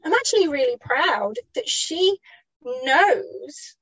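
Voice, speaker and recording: A woman's voice: sits high, big pitch swings, slow, fairly bright tone, no echo, dull audio. A woman guest telling personal parenting stories in a chatty, reflective way, laughing often and correcting herself as she goes.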